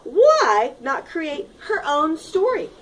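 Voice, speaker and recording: A woman with a high, sing-song voice reads a storybook aloud at a slow pace. She is an elementary school reading teacher, and she reads expressively with dramatic emphasis, stressing key points and asking her pupils questions in a didactic way.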